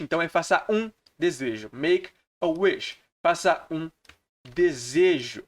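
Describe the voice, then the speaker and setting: A man from Brazil teaching English phrases in a screen-recorded lesson, repeating each example slowly and deliberately. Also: fairly high pitch.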